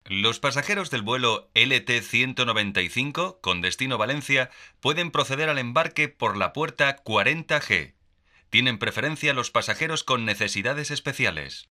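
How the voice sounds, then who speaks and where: Man, airport boarding announcer; formal, very bright, mid pitch. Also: animated, normal speed. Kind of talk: scripted public-address announcement.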